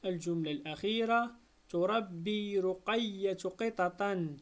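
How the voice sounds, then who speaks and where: A woman teacher with a Moroccan accent, reading a beginners' Arabic lesson slowly and deliberately, breaking words into syllables and stretching them out. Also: medium pitch. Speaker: primary school teacher.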